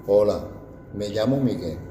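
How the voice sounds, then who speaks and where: A man's voice: on the low side, lively intonation, unhurried, mellow, echoey room, slight background noise. An older man from Andalusia with an Andalusian accent, giving a proud, reflective personal testimony. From Andalusia, Spain.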